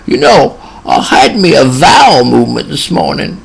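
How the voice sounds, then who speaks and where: A man voicing a tiny, sweet old country man in his seventies who speaks in a high, slow and earnest way. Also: big pitch swings, vocal fry, breathy edge, heavily acted, low-quality recording. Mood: confiding earnest.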